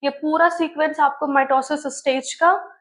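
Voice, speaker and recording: A woman's voice: high voice, steady tone, measured pace. A woman biology teacher giving an online study-tips lesson, who explains step by step and keeps asking and answering her own questions, with terms.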